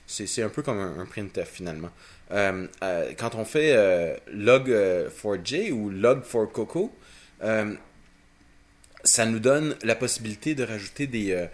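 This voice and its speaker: A man with a Quebec French accent co-hosting a casual technical talk, explaining haltingly and often repeating words. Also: lowish voice. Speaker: podcast co-host.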